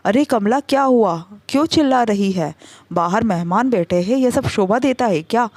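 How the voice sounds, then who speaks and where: A woman's voice: fairly high pitch, expressive, moderate pace, a little mellow, no echo. A woman voicing a sensible middle-aged sister-in-law who scolds reproachfully.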